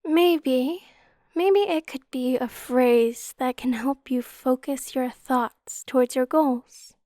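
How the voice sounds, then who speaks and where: A woman guiding a hypnotic induction in a slow, soothing hypnotist manner, with a soft, breathy, half-whispered ASMR delivery. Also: high voice, no room sound, studio quality. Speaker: hypnotist guide.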